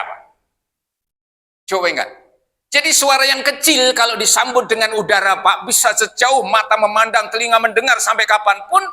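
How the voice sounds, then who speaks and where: Mosque teacher, male, high sharp voice, chatty style that keeps quizzing the room. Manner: chatty, quizzes listeners as "Pak". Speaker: Islamic teacher leading a Quran study. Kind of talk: casual mosque study talk.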